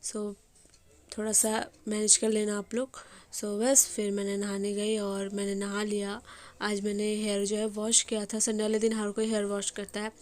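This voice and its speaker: A young woman with a hoarse voice, chatting casually as she narrates her day in a home vlog. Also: medium pitch, monotone, normal speed, darkish tone. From Bengali family. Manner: chatty, rambling with fillers. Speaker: vlogger.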